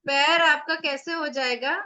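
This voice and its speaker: High, bright-voiced woman teaching online. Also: fairly even intonation, a little slow. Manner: explains step by step, asks rhetorical questions; firm with students. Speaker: acupressure teacher. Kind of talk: online revision lecture.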